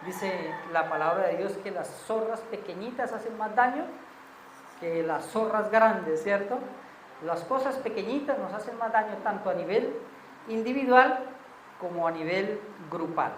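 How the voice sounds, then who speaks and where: A woman's voice: mid-range voice, animated, unhurried. A woman leading a church Bible study, talking in a conversational way and often checking in with her listeners. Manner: conversational, asks the group "¿cierto?" often. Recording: echoey room with faint noise.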